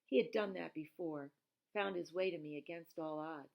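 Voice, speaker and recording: In lo-fi audio, a woman with a deep, creaky voice reads from a children's novel at a moderate pace. She tells the story expressively, with informal asides and the plain explanations of a teacher.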